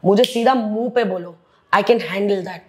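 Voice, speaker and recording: A woman's voice: medium pitch, a little slow, darkish tone, slight background noise. A woman speaking bluntly and animatedly as an interview guest, often slipping into English phrases. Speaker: interview guest, reality show contestant. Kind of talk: candid interview chat.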